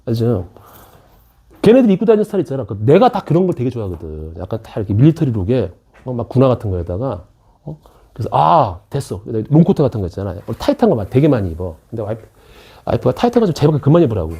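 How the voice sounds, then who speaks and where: Chatty male math teacher, lively pitch. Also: fast, breathy edge. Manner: joking, chatty asides to students. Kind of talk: casual classroom lecture. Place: academy classroom.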